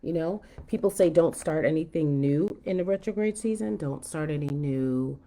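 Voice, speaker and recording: A woman's voice: low voice, moderate pace, warm tone. A woman giving a mystical, conversational horoscope and tarot reading, musing aloud and often checking in with the listener. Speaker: tarot reader hosting a forecast. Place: at home, indoors.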